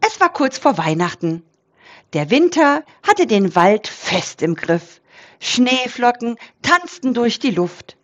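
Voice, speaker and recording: A woman reading a children's Christmas story aloud in an expressive storybook manner. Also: on the high side.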